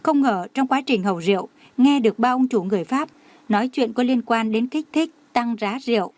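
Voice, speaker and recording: A woman's voice: fairly high pitch, fairly quick, a little mellow, no echo, lightly acted. A woman voicing an anxious young female assistant in an audio novel, urgent and worried.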